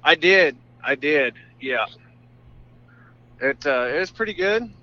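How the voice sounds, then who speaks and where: A man's voice: fairly high pitch, lively intonation, slow pace, bright, forceful tone. A man calling in by phone from his pickup truck. He banters in a dry, teasing way. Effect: heard over a phone line. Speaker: phone-in guest. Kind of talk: casual phone chat. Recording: muffled phone line.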